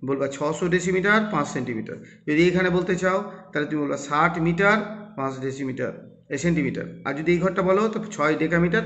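A man's voice: high voice, fairly bright tone. A man teaching children arithmetic, explaining patiently step by step and asking and answering his own questions. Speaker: math teacher. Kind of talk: classroom math explanation for children. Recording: roomy, dull lo-fi recording.

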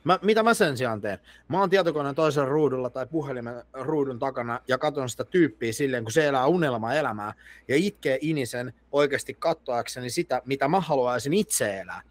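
A man's voice: mid-range voice, lively intonation, no room sound. A man as a podcast guest, talking earnestly and restarting his sentences as he agrees. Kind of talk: casual podcast conversation.

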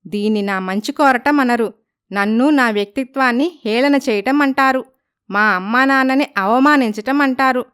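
A woman's voice: fairly high pitch, normal speed, a bit bright, clean tone, lightly acted. A woman voicing a poor, proud young village woman who speaks firmly and with dignity. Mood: indignant. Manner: firm, dignified.

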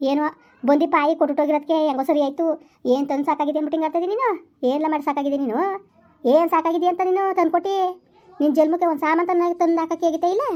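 A woman acts out a fiery village wife in a comedy skit, firing off her scolding at breakneck speed. Her voice sits high, and the recording is dull and muffled. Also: a little mellow, close to an everyday voice. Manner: rapid furious scolding. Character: sharp-tongued village wife scolding husband. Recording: muffled lo-fi sound.

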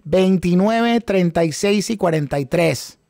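A middle-aged man with a high, unhurried voice and some vocal fry, mellow in tone, instructs an options trading class live online. He speaks Spanish sprinkled with English terms, quizzes his viewers, and repeats phrases for emphasis. The dry, studio-quality recording comes from a close studio microphone at his desk.

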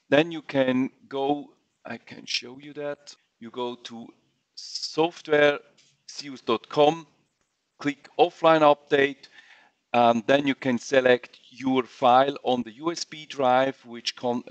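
A man walking viewers through software in a screen-share webinar, speaking halting English with frequent fillers and restarts. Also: mid-range voice, dry recording. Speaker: software trainer.

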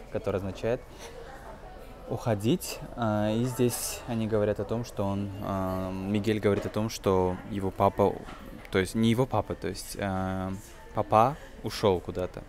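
This twenty-something English teacher has a lowish, slightly mellow voice, with a little hiss or hum in the recording. He leads a casual language lesson built around a film, explaining each phrase hesitantly.

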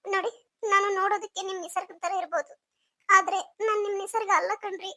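A woman plays a young bride in a home-made audio drama, crying and pleading in a very high, thin voice. She halts and stumbles before getting her words out. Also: steady tone, pushed and bright, exaggerated voice. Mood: confessing. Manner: halting, hesitant speech.

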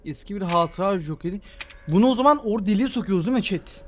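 A young man streaming gameplay, swinging between loud, profane outbursts and low mutters, and talking to his chat. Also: expressive, fast, a little hiss or hum. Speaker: gaming streamer. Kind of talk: live gameplay commentary.

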